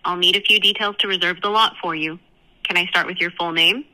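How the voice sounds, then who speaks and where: A woman's voice: lowish voice, steady tone, brisk, pushed and bright, rough recording. AI receptionist woman heard over speakerphone. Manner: polite scripted customer-service phrasing. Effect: heard through a phone on speakerphone. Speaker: AI phone receptionist. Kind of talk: booking call.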